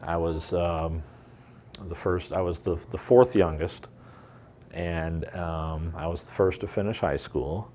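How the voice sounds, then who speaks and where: This very low-voiced man, a manager and adult student, reflects slowly in a documentary interview, his tone dark and his sentences fading out. A little hiss or hum is audible.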